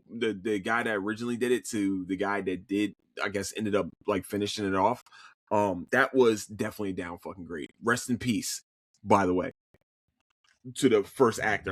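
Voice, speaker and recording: A solo podcast host from the sound of his Philadelphia accent casually goes over shows he watched, in a fairly low-pitched voice. He's animated, cusses freely, and keeps stopping to restart, stammering repeats along the way. The clean studio sound has no room sound.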